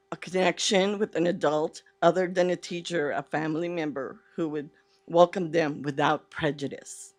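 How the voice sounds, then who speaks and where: A nervous woman giving public comment, speaking earnestly and haltingly with a mouth half numb from the dentist. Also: on the low side. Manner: halting, earnest, with pauses mid-phrase. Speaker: public speaker at a school board meeting.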